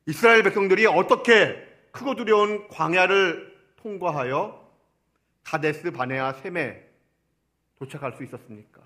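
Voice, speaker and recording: A middle-aged man delivers a sermon with a somewhat high voice. He builds his phrases up to emphatic peaks and then lets them sink to a quiet close, asking the listeners rhetorical questions along the way. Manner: rising and falling preaching cadence with rhetorical questions. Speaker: pastor.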